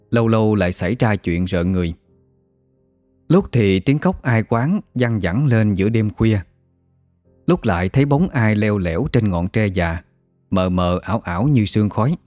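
Male narrator, ghost story, lowish voice, dry sound. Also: a little mellow, no echo.

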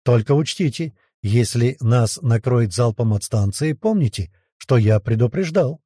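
A man reading the lines of a gruff, taciturn hired spaceship pilot who grumbles his replies in an audiobook. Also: mid-range voice, expressive, unhurried, dark tone, dry recording, studio quality. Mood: terse. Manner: grumbling, terse.

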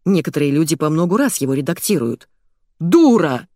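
A woman's voice: sits low, lively intonation, brisk, a little mellow, dry recording, studio quality. A woman reading first-person narration in an audiobook with a wry, conversational manner.

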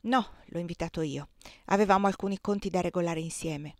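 Woman doing a middle-aged male plantation owner, low subdued voice, reluctant, evasive, audiobook reading, dry sound. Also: a little fast, no room sound, natural voice.

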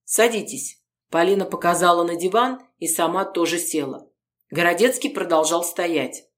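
Woman, audiobook narrator, measured, even, first-person reading. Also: on the low side.

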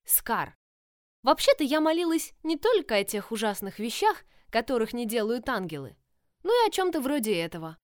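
A woman voicing an impulsive, headstrong young woman in love, speaking insistently in a raised, higher voice in an audiobook. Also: big pitch swings, normal speed, no room sound, clean studio sound.

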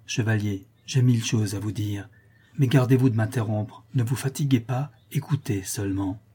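A man voicing a worried gentleman at a sickbed, speaking in a hushed, careful way in an audiobook reading. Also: fairly low pitch, normal speed, husky.

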